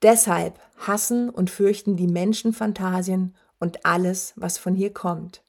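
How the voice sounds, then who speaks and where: A woman's voice: on the low side, fairly even intonation, measured pace, a little mellow. A woman voicing a huge, dying male werewolf who taunts with a rattling, wheezing voice. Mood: gloating menace. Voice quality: rattling, rasping voice. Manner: taunting, gloating. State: wheezing, labored breath.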